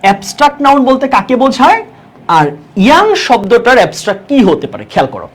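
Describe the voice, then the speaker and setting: Woman teacher, exam-prep grammar lesson, lively rising and falling voice, fairly high pitch, constant check questions to the class. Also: slightly rough. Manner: repeats key words slowly for emphasis. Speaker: English teacher.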